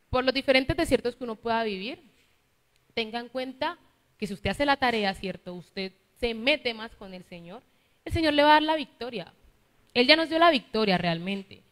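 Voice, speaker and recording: A woman's voice: on the high side, in a large hall. A woman with a Colombian accent from Cali preaching a sermon, teaching and often asking her listeners for agreement. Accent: Colombian Spanish, Cali. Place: church hall.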